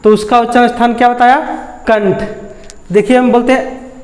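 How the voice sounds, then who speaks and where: A man's voice: extremely high pitch, little pitch movement, moderate pace. A man teaching a lesson, patiently repeating and spelling out examples. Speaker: Sanskrit teacher. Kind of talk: classroom lesson explanation. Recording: echoey room with long reverb.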